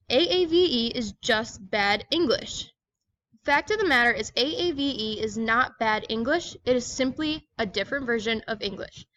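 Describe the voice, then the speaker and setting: A woman's voice: fairly high pitch, a bit bright, no room sound, muffled recording. A woman giving a scripted educational presentation, reading aloud in a plain, explanatory manner.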